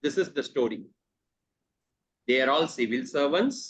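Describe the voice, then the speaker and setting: In a dull, lo-fi online class recording, a man with a South Indian Tamil accent coaches an exam class, switching between Tamil and English. His fairly high, slightly rough voice moves with lively intonation at a normal pace as he repeats key terms and asks checking questions.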